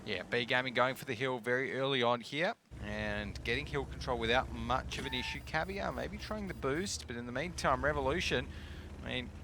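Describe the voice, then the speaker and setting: A man's voice: medium pitch, normal speed, noisy background. A man casting a live tank esports match, chatty and analytical, with the odd joke. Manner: chatty, analytical, tossing in jokes. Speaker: esports commentator. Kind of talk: live esports play-by-play commentary.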